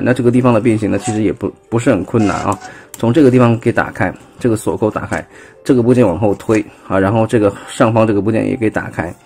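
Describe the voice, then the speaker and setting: This man has a lowish, husky voice with vocal fry and a darkish tone, plus a Taiwanese Mandarin accent. As a toy reviewer, he casually shows a toy transforming step by step at a table indoors, filmed on a phone, pointing out the parts and using plenty of fillers.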